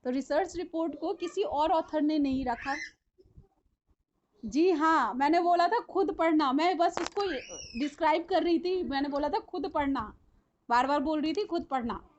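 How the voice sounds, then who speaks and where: A woman leads a live online lesson in a high, bright voice. She talks in a chatty, repetitive way and keeps checking whether her students are following. The stream audio sounds dull and lo-fi. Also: normal speed. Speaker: teacher. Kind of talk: live online class lecture.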